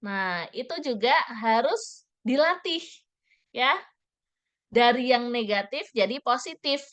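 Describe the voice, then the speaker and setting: Brief: woman workshop trainer, unhurried and bright-toned, keeps quizzing the room. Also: a little high. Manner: lively, asks the audience many questions. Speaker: trainer leading a parenting workshop. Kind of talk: interactive workshop talk.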